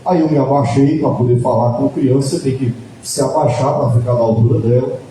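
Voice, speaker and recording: Dark-voiced priest preaching in an echoing church. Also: male voice, mid-range voice, fairly even intonation, slight background noise. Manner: storytelling preacher, emphatic, slows to stress points. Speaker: parish priest. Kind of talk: sermon. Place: large church at a festival mass. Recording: very echoey church hall.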